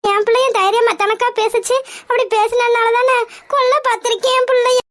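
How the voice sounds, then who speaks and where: A sorrowful cartoon mother who frets over her daughter, voiced by a woman. Her very high, squeaky voice is tearful and pleading. The voice-over is dry and close. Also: fairly even intonation, brisk, a bit bright, no room sound. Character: anxious widowed mother, fearful and sorrowful. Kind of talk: cartoon voice acting.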